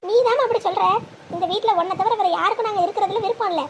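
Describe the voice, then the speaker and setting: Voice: very high voice, racing, noisy background. A performer voicing a domineering mother who heads the family in a cartoon drama and scolds harshly and threateningly. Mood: indignant.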